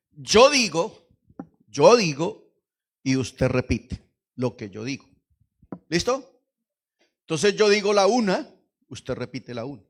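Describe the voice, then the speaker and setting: In church, a male pastor gives an animated Pentecostal sermon, moving between quiet asides and shouting while questioning the congregation. His voice is a little high.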